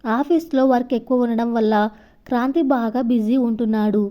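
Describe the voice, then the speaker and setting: A woman storyteller reading a scripted story in a steady, even manner. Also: on the high side, a little fast, muffled recording.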